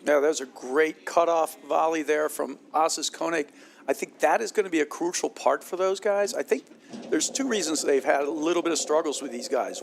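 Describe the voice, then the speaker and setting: A man commentating a platform tennis final, talking at length in a relaxed, analytical way, his voice strained from hours of talk. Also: fairly high pitch, creaky, slight background noise. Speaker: play-by-play commentator. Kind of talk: sports commentary.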